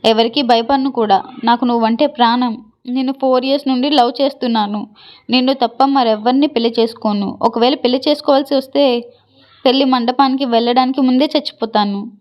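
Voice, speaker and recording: Woman doing a tearful lovestruck young woman, defiant, pleading, fairly high voice, storybook. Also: steady tone, fairly quick, a little mellow, lightly acted. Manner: pleading, emotional. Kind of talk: storybook reading.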